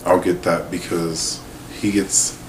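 A man chatting casually, laid-back and halting, often restarting his sentences. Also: low-pitched, little pitch movement. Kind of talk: casual chat. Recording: distant, roomy, faint hiss.

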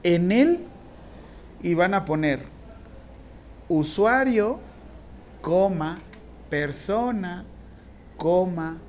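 A woman's voice: on the low side, animated, darkish tone, a little hiss or hum. Slangy Mexican woman lecturing a class. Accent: Mexican Spanish. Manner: casual, slangy, dictates slowly and questions the class. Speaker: nursing teacher.

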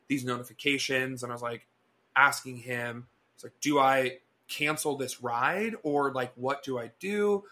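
Chatty bright-voiced man telling stories. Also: medium pitch. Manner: animated, chatty, acts out dialogue. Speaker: podcast co-host. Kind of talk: casual storytelling chat.

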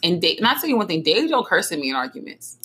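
Bright-voiced young woman podcast host, swearing freely. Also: lowish voice, fast, slightly rough. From Trenton, New Jersey. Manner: blunt, animated, swears freely. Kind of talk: casual chat.

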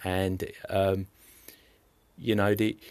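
A British man leaving a casual voice message, effusive and halting as he repeats his words. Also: low-pitched, little pitch movement, a little mellow, clear, resonant tone, no echo. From United Kingdom. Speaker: podcast listener leaving a voice message.

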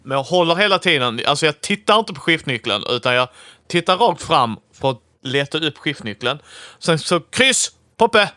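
A man playing a tabletop role-playing game, excitable, swearing and laughing with the group. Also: on the high side, dry recording. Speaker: player. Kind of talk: casual tabletop play.

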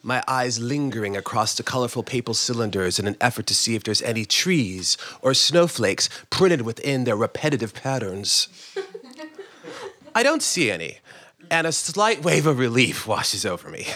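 Very animated and mid-range in pitch, a man narrates a comic audiobook at a moderate pace in a pushed, bright voice. His delivery is theatrical and dramatic, with acted-out characters and the occasional chuckle.

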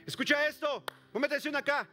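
A man preaching a sermon to a congregation, swinging from loud calls to hushed near-whispers and asking the listeners direct questions. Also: very high-pitched, steady tone, brisk, faint music behind. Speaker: pastor. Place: church service before a congregation.

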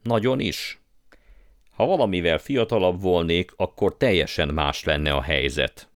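A man voicing a greedy, pompous elderly uncle who gets excitable and boastful. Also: low voice, no room sound, studio quality, close to an everyday voice.

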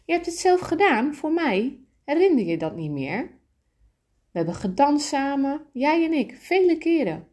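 A woman voicing a kind, loving, wise soul who explains things gently and patiently. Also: high-pitched, very animated, moderate pace, voice pushed up. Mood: gentle.

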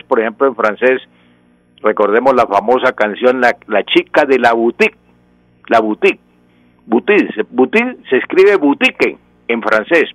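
A man's voice: medium pitch, fairly bright tone, no echo, low-quality recording. Colombian male language professor, radio guest, patient teaching tone, dry close mic. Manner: didactic, gives examples, frequent self-corrections. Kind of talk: explaining on a radio talk show.

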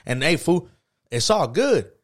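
A man, co-hosting a casual podcast chat, telling stories in a profane, slangy, animated way. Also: on the high side, measured pace. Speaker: podcast co-host.

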